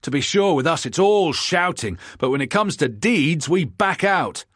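An eager, argumentative convict , voiced by a man reading aloud, who pushes his point in a high, loud voice. There is a husky edge to his tone, and he sounds close and dry. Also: moderate pace, no echo, heavily acted. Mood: heated, indignant. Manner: excited, high-pitched and loud.

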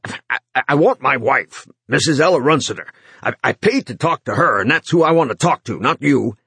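A man voicing a frantic, short-tempered businessman who speaks hoarsely and out of breath. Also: on the high side, huge pitch swings, moderate pace, sharp tone, no echo, voice pushed up, full character voice. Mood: frantic, angry.

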